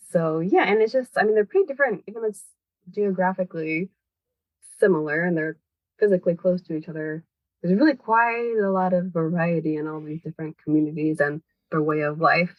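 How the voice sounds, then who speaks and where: Heard on a dry, poor-quality recording, a woman with a lowish, darkish voice answers interview questions as a podcast guest. She's a language education organizer, and her explanations run long and thoughtful, hedged throughout with phrases like "kind of" and "sort of."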